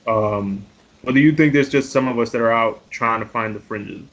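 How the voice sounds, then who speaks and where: A man in his late thirties asks questions in a relaxed, chatty way, filling his sentences with "man" and "like". His voice has an ordinary middle pitch. The sound is dull and lo-fi. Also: normal speed. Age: late 30s. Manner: laid-back, with filler like "man" and "like". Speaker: interviewer. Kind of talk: casual podcast conversation. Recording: dull lo-fi audio.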